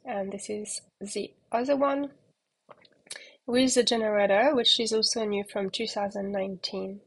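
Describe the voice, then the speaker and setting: A woman in a middle register talks through a yacht tour outdoors on deck. She speaks easily and conversationally into a phone she carries as she walks, often pausing with ums and uhs. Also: medium pitch, slightly rough. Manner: relaxed, chatty, many fillers. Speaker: yacht broker giving a boat tour. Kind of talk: walking boat tour. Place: outdoors on a catamaran deck at anchor.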